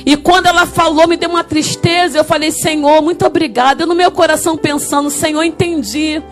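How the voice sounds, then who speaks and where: A woman with a Rio de Janeiro Brazilian accent preaching a fervent testimony sermon in church, rising to tearful shouts. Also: very high voice, fairly even intonation, quick pace, soft background music. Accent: Brazilian Portuguese, Rio de Janeiro. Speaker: guest preacher.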